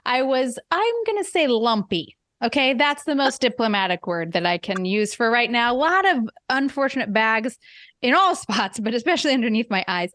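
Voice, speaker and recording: A woman's voice: on the high side, expressive, normal speed, fairly bright tone, no echo, clean studio sound. A middle-aged woman hosting a podcast in casual conversation, chatty with self-deprecating humor. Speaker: podcast host.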